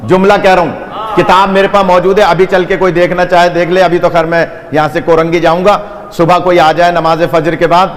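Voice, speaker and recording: Man preaching to a gathering, telling a story with acted dialogue, slightly high voice, echoing hall. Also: little pitch movement. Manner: dramatic retelling with quoted dialogue, blessing the audience.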